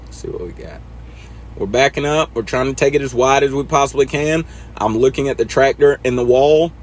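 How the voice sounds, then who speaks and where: There's a little hiss or hum as a man with a mid-range voice talks slightly fast through a trucking simulator. In a laid-back way, he chats to himself while driving and explains how to reverse the truck.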